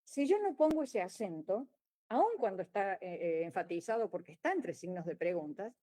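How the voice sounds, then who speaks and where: Lady geologist giving a talk, warm low-key tone, wry, keeps restarting her words. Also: sing-song, moderate pace, low-quality recording. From Argentina. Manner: explanatory, wry, with frequent restarts. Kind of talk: conference lecture.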